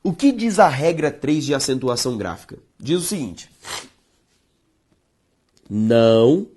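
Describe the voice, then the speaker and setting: Speaking at a moderate pace in a husky voice, a Brazilian Portuguese-accented woman teaches grammar online. Her delivery is expressive and full of pitch movement, lingering on stressed words while she addresses students directly.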